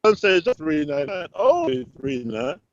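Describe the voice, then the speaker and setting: A man calling in to a casual group chat over a bad connection that keeps breaking up, talking haltingly with many pauses. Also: on the high side, wildly swooping pitch, no echo. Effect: connection breaking up, cutting out. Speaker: remote caller in a group chat. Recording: dull lo-fi dry call audio.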